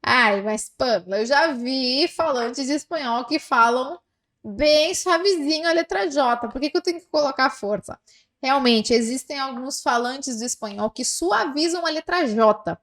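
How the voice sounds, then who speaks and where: Patient woman teacher, a bit high-pitched, slow and deliberate, drills pronunciation. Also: expressive, a bit bright. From South America. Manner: slow, patient, repeats words for the learner to echo. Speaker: Spanish teacher. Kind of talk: language lesson with pronunciation drills.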